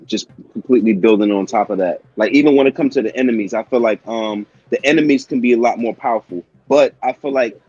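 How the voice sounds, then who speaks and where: A man's voice: mid-range voice, fast, hardly any pauses, a little mellow, slightly rough, dry recording. A man giving game feedback on a stream, rambling and repeating his words. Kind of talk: casual stream chat. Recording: muffled lo-fi mic.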